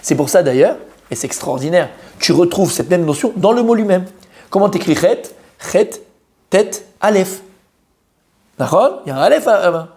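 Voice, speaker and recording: The teacher's voice sits high and his speed is normal as he runs a French Torah class. Animated, he quizzes the students, stresses key points by repeating them and weaves in Hebrew terms.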